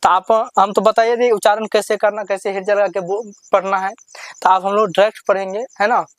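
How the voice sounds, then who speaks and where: A teacher running a Hindi reading lesson, drilling word lists slowly and explaining each sentence in plain everyday talk. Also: medium pitch, level tone, dry recording, poor audio.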